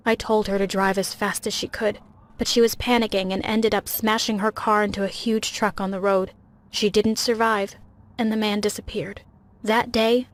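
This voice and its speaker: A woman's voice: medium pitch, natural voice. A woman reading as a shaky, remorseful father. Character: grieving father confessing, middle-aged man. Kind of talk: read-aloud animated story.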